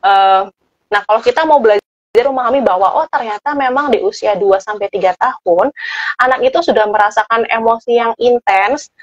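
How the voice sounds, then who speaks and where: A woman explaining parenting advice in a relaxed interview, filling pauses with soft "eh" sounds and casual tag words. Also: fairly high pitch, dry recording. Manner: relaxed, full of "eh" fillers and "gitu" tags. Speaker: parenting expert guest. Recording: dull, dry lo-fi recording.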